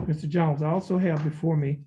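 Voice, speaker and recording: A male judge conducting a formal plea hearing in a courtroom recording, reading documents aloud in a measured, formal way. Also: a little high, steady tone, warm tone. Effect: courtroom recording heard over a video call. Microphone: video call. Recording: dull lo-fi courtroom audio with faint hiss.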